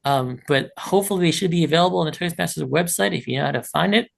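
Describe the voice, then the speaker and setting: A man's voice: on the high side, fast, vocal fry. A man who is losing his voice, giving an encouraging online training presentation as a leadership trainer over a video call. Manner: encouraging, practical advice with asides.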